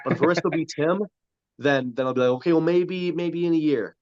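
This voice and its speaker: Young guy guest on a podcast, relaxed, thinking out loud, kinda muffled dry audio. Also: on the high side, fairly quick, no room sound. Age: young adult. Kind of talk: casual interview chat.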